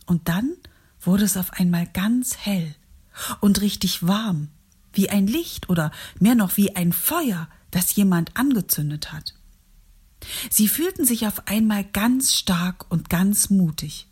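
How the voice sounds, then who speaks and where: A woman narrates a Bible story for children, addressing them warmly and gently. Her voice is soft and breathy, at an ordinary pitch for a woman. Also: animated, slow pace. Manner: gentle, warm reading to children.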